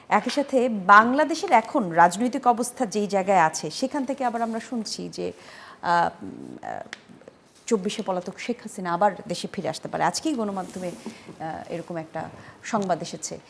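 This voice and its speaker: A woman's voice: medium pitch, a little hiss or hum. A woman hosting a political talk show, politely introducing guests and steering the discussion in a formal manner. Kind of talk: television talk show moderation.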